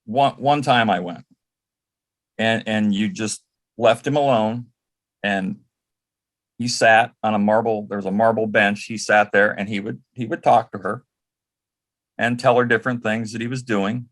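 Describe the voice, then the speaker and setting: He has a lowish, fairly bright voice and a steady tone, taking his time with long pauses. Interviewed about working as an entertainer's personal assistant, he reminisces conversationally and often quotes dialogue in his anecdotes.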